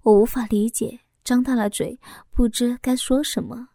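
A woman with a fairly high, mellow voice tells a first-person story in an intimate, confessional tone. She reads close to the mic in a dry, dead space. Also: steady tone, normal speed, no room sound. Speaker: audiobook narrator.

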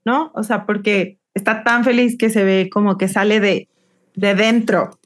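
A woman's voice: mid-range voice, fairly even intonation, a little slow. A Mexican woman co-hosting a casual, slangy podcast chat among friends. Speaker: podcast co-host.

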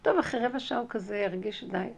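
A woman delivers a spiritual lesson by telling a personal story, animated and emphatic, acting out her own past conversations and repeating key phrases. Her voice is mid-range and creaky, with crowd noise in the background.

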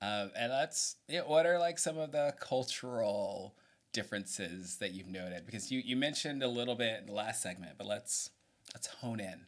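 A man's voice: fairly low pitch, moderate pace. A man hosting a podcast interview, chatting casually and laughing often. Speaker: podcast host.

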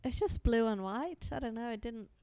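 A woman's voice: a little high, animated, moderate pace, dark tone, clean tone, no echo. An Australian woman co-hosting a podcast, chatting casually, giggling and teasing. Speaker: podcast co-host. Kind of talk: casual chat.

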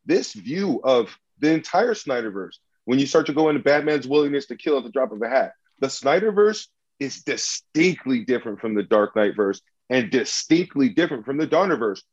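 A man in heated mock-trial banter defends old movies, swearing freely and tripping over repeated words when worked up. His voice sits at a middling pitch. The recording is dull and lo-fi. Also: lively intonation, moderate pace, hardly any pauses. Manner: combative, profane, repeats himself when heated. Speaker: debater arguing a movie case.

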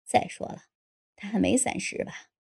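A woman's voice: normal speed, lightly acted. A woman voicing a sly, lecherous man in his late sixties in an audiobook, coaxing and insinuating. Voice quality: low gravelly voice. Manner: coaxing, insinuating, sometimes hushed. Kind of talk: audiobook character voice.

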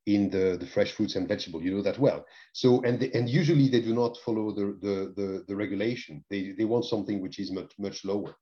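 A man being interviewed, speaking in a thoughtful, measured way with some phrasing. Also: fairly low pitch, warm tone. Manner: thoughtful, measured, with non-native phrasing and restarts. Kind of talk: conversational interview. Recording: dull lo-fi sound.

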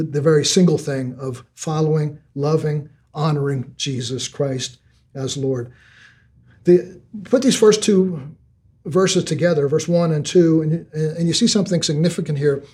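A man's voice: fairly high pitch, dark tone, husky. An older man preaching a sermon, earnest, often repeating words as he builds each point. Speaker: pastor.

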